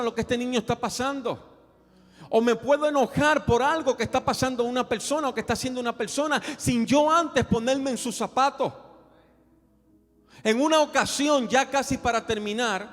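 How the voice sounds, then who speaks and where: A man preaching a sermon as pastor, telling stories and questioning the congregation. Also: high-pitched. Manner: animated storytelling, questioning the congregation. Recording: reverberant hall with faint music.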